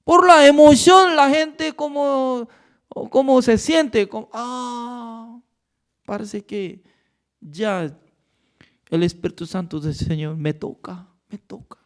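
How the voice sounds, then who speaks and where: Un pastor con acento coreano, de lengua materna coreana, que enseña un estudio bíblico con énfasis y preguntas retóricas. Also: male voice, very high voice, slow, smooth. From Korea. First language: Korean. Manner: emphatic, with rhetorical questions and non-native grammar. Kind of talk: Bible study teaching.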